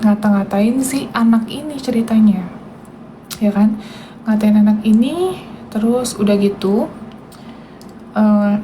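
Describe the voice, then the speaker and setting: A woman's voice: fairly high pitch, warm tone, a little hiss or hum, rough recording. A woman, hosting a casual livestream and talking indignantly and directly to her viewers. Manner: indignant, talks straight to viewers. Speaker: livestream host.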